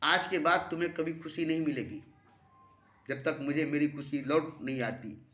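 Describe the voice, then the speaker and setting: A man voicing God as a wounded, angry deity who rises to loud, aggrieved outbursts, in a roomy recording. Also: a little high, moderate pace, lightly acted. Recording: roomy echo.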